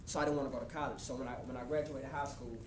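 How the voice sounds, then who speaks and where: A man in his twenties giving a motivational talk to a live college audience, casual and animated, speaking straight to the crowd. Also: medium pitch, racing. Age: 20s. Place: college hall before an audience. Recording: echoey hall with room noise.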